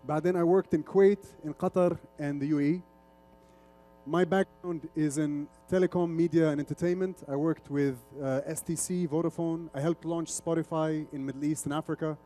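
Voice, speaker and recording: Soft background music accompanies a middle-aged media executive's informal, interactive stage talk. Lebanese by origin, raised in Saudi Arabia and an Arabic speaker, he shifts between Arabic and English as a conference speaker. His slightly high, dark voice holds a steady tone at a fairly quick pace.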